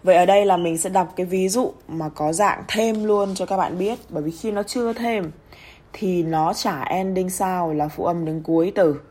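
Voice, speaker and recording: A Vietnamese woman teaching English pronunciation, explaining rules and reading example words slowly and clearly. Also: fairly low pitch, a little mellow. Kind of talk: pronunciation lesson.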